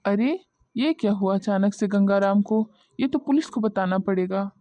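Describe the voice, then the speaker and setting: A woman's voice: mid-range voice, moderate pace, dark tone, a little hiss or hum, lightly acted. A woman voicing a gossipy, tactless middle-aged village uncle in a cartoon, with a rambling manner and muffled audio. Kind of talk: cartoon voice acting.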